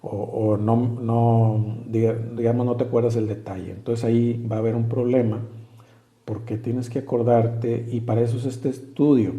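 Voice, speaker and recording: Dark-voiced man teaching a Bible study. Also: lowish voice, reverberant. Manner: explains plainly, reads verses aloud, asks "¿verdad?" often; hesitant with frequent fillers and restarts. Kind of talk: conversational Bible study sermon.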